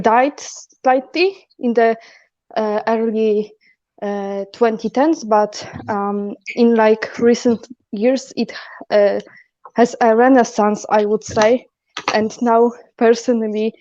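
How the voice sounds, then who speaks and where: A woman's voice: fairly high pitch, warm tone, no room sound. A woman from Poland, chatting casually on an online stream, giggling often and hesitating with many fillers. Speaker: guest on a stream. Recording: dull lo-fi call audio.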